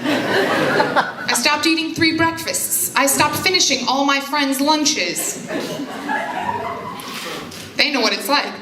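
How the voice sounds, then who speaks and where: A woman's voice: high voice, slow, long pauses, very noisy. A young woman giving a candid personal speech to a live audience from a stage, with self-deprecating humor. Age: young adult. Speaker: foundation spokesperson. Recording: echoey room.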